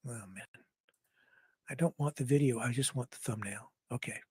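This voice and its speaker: A man's voice: mid-range voice, normal speed, darkish tone, slightly rough, no echo, clean studio sound. A man hosting a casual news livestream, rambling and chuckling while he searches for clips.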